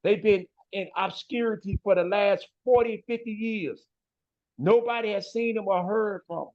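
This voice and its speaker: A high-sitting male voice at normal speed belongs to an emphatic interview guest from the west side of Chicago. His casual talk is sprinkled with "man" and "bro" at phrase ends, recorded with a dull, lo-fi quality.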